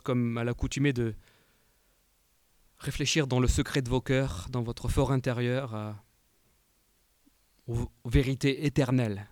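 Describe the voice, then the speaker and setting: Guy preaching a sermon, gets loud and emphatic then drops real quiet, asks the crowd questions, dry close sound. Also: mid-range voice, dry recording. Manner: rising to emphatic peaks, then dropping quiet; asks the listeners direct questions. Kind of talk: evening sermon.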